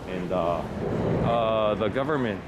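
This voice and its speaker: A man's voice: on the low side, measured pace, dull audio. A man vlogging outdoors by a city river and chatting with passers-by, hesitant with many filler uhs. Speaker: vlogger and street interviewer. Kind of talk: casual walking vlog and street chat. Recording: loud street and traffic noise outdoors.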